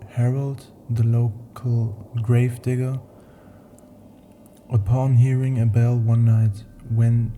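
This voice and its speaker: Slow deliberate guy reading creepy stories, dark voice. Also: mid-range voice, a little hiss or hum. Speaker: narrator. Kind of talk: scripted horror story narration.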